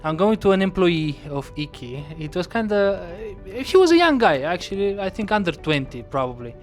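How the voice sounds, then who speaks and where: A man co-hosting a casual chat who pauses and searches for words as he tells a story. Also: high voice, sing-song, soft background music. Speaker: podcast co-host.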